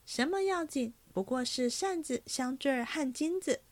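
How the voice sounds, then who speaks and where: A woman reading aloud and voicing a lively fifteen-year-old maid who talks in a bright, chatty, teasing way. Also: high voice, moderate pace, dry recording, pitched above the performer's own voice. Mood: cheerful.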